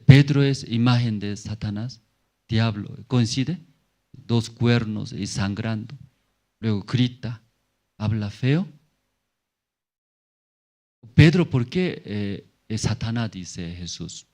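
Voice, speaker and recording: A man preaching a sermon as pastor, in simple, halting phrases with many tag questions, swinging between emphatic high bursts and low murmurs. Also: a little mellow. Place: church.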